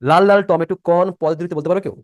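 A man's voice: fairly high pitch, steady tone, very fast, a little mellow, no room sound, clean studio sound. A young man teaching a live online class. He repeats each rule and keeps quizzing his students with questions. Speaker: admission-prep teacher.

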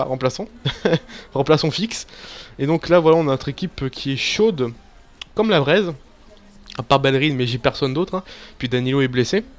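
A man giving casual, excitable commentary over a football video game, swearing and cheering at his players. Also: fairly high pitch. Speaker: gaming YouTuber. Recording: faint background music.

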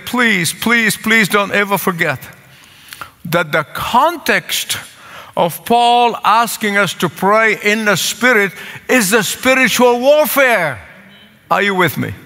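Older man, Egyptian accent, earnest pleading preacher; high, bright voice; pulpit sermon in a reverberant sanctuary. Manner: earnest, pleading, repeats phrases for emphasis. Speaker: pastor. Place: large church sanctuary with congregation. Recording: long church hall reverb.

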